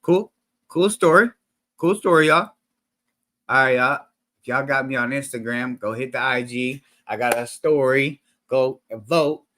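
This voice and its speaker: A man hosting a casual reaction video talks to viewers in slangy, rambling speech, restarting often and using lots of fillers. His medium-pitched voice sounds pushed and bright, with no room sound. His desk microphone sometimes peaks.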